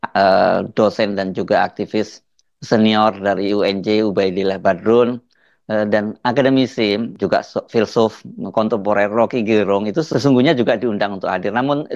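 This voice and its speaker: A man hosts conversational news commentary. His voice sits fairly low and he speaks haltingly. The recording is dry and a little dull. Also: no echo. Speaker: commentator, host.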